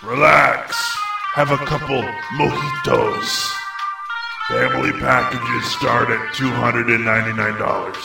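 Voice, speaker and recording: Satan played by a man: irritable devil salesman, comedy radio ad, creaky voice, distant echoing elevator-shaft sound. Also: mid-range voice, little pitch movement, unhurried, voice pushed down. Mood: smarmy selling. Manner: salesman patter, stammering, bursting into irritated rants. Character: Satan, exasperated huckster devil pitching his hell resort. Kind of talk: comedic spoof radio commercial. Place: echoing enclosed space, presented as an elevator. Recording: roomy echo, distant mic, music behind.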